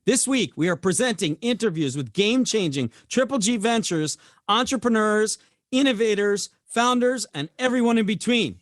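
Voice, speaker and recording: A man hosts a business podcast with an upbeat, promo-style delivery. His voice sits high for a man. The sound is dry and close, with little room around it. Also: lively intonation, normal speed, no echo. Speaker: podcast host. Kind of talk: podcast interview.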